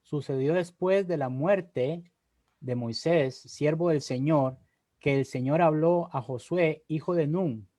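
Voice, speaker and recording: A man on a video call reading Bible passages aloud, slowly and carefully. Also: fairly high pitch, mellow, dry recording. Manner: slow, measured reading. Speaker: assistant reading scripture.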